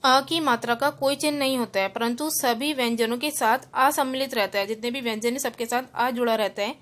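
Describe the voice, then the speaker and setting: A woman's voice: on the high side, brisk, a bit bright. A woman, a school Hindi teacher giving an online class, who explains each rule and then repeats it in simpler words, mixing in English terms. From India.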